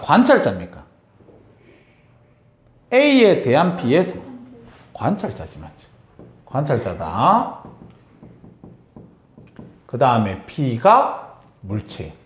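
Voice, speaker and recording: A man's voice: sits high, echoey room. A man teaching a science class, lecturing and often checking in with his students. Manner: lively, asks students frequent check-in questions.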